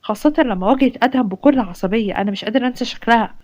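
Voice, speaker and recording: A woman's voice: a little high, rapid-fire, a little mellow, close to an everyday voice. A woman with an Egyptian Arabic accent voicing an easygoing, earnest young man who is smitten.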